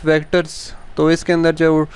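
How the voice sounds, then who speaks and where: A man walks through an exam syllabus for his channel. His voice is smooth and resonant, sits a little high, and barely moves in pitch. He rushes the stretches, leans on the filler "jo hai vo", and reads the English topic names out slowly, one after another. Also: monotone. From Pakistan. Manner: rapid Urdu-Hindi talk with English terms read slowly as a list; repeats filler "jo hai vo" often. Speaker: YouTube channel host, exam-prep teacher. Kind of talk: fast spoken syllabus walkthrough.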